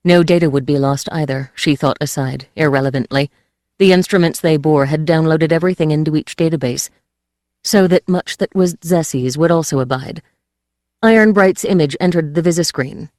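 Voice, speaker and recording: A narrator reading a science fiction audiobook in a steady, measured way. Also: medium pitch, no echo, studio quality.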